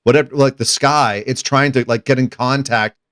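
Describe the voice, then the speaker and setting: Animated man hosting a movie chat. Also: medium pitch, moderate pace, no room sound, studio quality. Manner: enthusiastic, animated retelling of scenes. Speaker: podcast host. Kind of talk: casual movie discussion.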